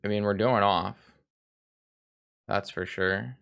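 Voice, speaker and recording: A man's voice: on the low side, steady tone, slow pace, creaky, fairly bright tone, clean tone. A hungover man giving rambling, self-deprecating live commentary on a card game stream, swearing casually.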